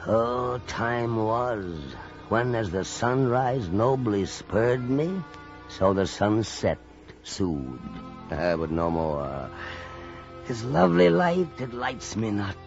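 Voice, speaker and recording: A gravelly, obsessed old sea captain, declaiming in grand archaic style for vintage radio drama. His delivery is slow and swings widely in pitch. The recording is dull, with music behind him. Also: expressive, a little mellow. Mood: anguished. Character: brooding, obsessed, tyrannical old whaling ship captain. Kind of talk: theatrical old-time radio drama acting.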